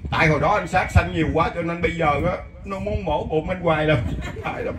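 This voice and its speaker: A man with a Southern Vietnamese accent giving a folksy lay Buddhist sermon, telling stories and chanting verses slowly. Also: fairly high pitch, steady tone. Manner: storytelling, recites verses in a slow chant. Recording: echoey, distant mic, faint hiss.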